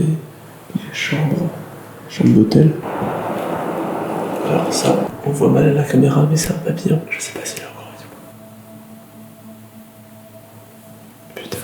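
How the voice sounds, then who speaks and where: A man giving hushed, halting commentary while exploring a large abandoned building, filmed with a camera-mounted mic. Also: on the high side, vocal fry, background noise. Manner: hushed, halting, with many fillers. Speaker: urban explorer. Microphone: camera-mounted shotgun mic. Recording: echoey hall with faint ambience.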